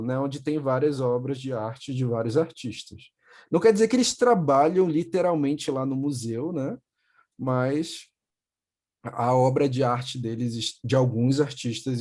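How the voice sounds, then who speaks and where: A young man with a Brazilian accent teaching English to children in a video call, patiently repeating words slowly. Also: medium pitch, a little mellow. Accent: Brazilian Portuguese. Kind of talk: online class for children.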